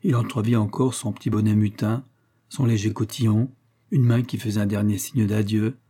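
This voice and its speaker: Male audiobook narrator, mellow and a bit husky, calm measured reading. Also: lowish voice. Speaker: audiobook reader. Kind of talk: scripted narration.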